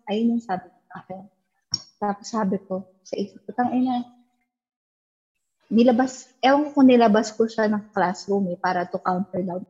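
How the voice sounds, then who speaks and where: Husky woman telling a story. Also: mid-range voice, a little fast, warm tone. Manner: mixes English into Tagalog, acts out quoted dialogue. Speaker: guest telling a ghost story. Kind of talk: casual spoken storytelling. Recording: dull lo-fi recording.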